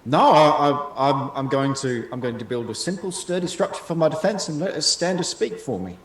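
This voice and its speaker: A man with a very varied intonation improvises as a village carpenter, wordy and mock-earnest. The sound is echoey with some rumbling noise. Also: expressive, brisk. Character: village carpenter defending himself. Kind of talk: improvised in-character party game.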